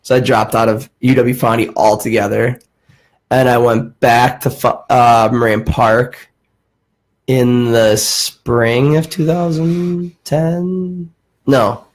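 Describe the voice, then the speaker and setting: A man's voice: medium pitch, little pitch movement, takes it slowly. A man in his late twenties hosting a podcast, telling a rambling story full of "like" and swearing. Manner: rambling, profane, heavy use of "like". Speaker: podcast host. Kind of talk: casual storytelling chat.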